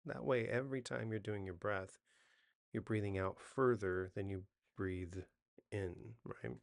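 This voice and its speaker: Offering off-the-cuff sleep tips to camera, a man in his forties speaks in a low-leaning, steady voice with vocal fry at a measured pace. The studio recording is clean with no echo. His how-to talk is conversational, full of self-corrections and frequent check-ins with the listener.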